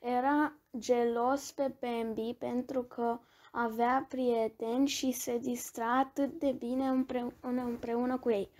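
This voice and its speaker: A woman reading a bedtime story aloud, gentle and expressive, with small restarts. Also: fairly high pitch.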